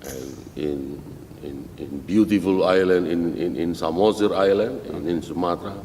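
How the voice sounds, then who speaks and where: A middle-aged man with an Indonesian accent who is a missionary pastor, answering interview questions in halting English with many restarts. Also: dark tone. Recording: roomy hall with faint rumble.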